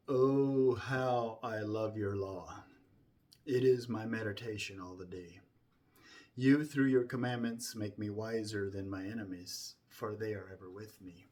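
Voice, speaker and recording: A man reciting scripture from memory in a solemn, deliberate way, starting phrases with emphasis and softening toward the ends. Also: lowish voice.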